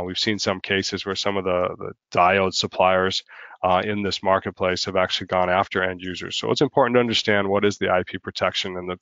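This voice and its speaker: A marketing head presenting a business webinar, talking quickly with many ums and uhs. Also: male voice, a bit bright, dry recording, lo-fi sound. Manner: fast, filler-heavy business pitch.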